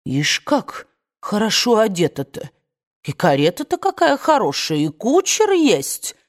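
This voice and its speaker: A woman's voice: low-pitched, sing-song, unhurried, exaggerated voice. A woman reading the part of a nosy, pious old nanny in an audiobook, with folksy, grumbling speech.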